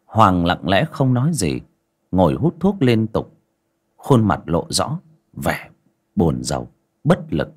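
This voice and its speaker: A man narrating an audio story with an expressive, dramatic delivery. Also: low-pitched, takes it slowly, long pauses, husky.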